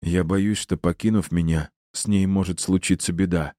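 A man voicing a broken, weary male professor who answers slowly and heavily. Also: deep voice, fairly even intonation, mellow, no room sound, clean studio sound, natural voice.

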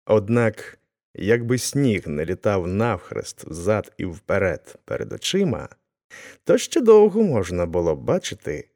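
A man narrating a classic tale as an audiobook, with expressive storytelling. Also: lowish voice, a little slow, gravelly.

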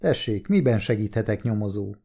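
A man's voice: fairly low pitch, expressive, vocal fry, warm tone, slightly rough, full character voice. A man reading the part of a terse, guarded man who gives short, clipped answers, in an audiobook. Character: curt, guarded man abroad, baritone.

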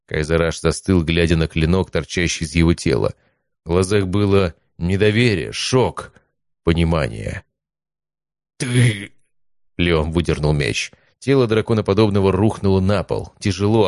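A male narrator reads a fantasy novel in a steady, even way. His voice sits very low. The recording is dry and close, with no room sound. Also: dry recording.

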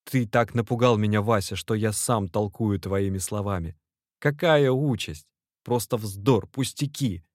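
A man's voice: on the low side, measured pace, dry recording, clean studio sound, natural voice. A man voicing an anxious, devoted young male clerk who pleads and cries out to his friend. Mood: pleading. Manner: pleading, agitated, shouting.

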